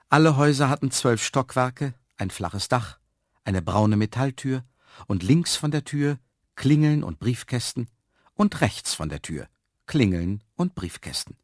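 Man reading a storybook, lively. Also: mid-range voice, no echo, studio quality. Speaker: narrator. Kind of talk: storybook read-aloud.

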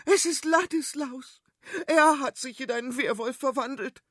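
A man voicing a shrill, bossy, dramatic queen in a storybook. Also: a little slow, fairly bright tone, no room sound, clean studio sound, full character voice. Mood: panicked. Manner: shrieking, scolding.

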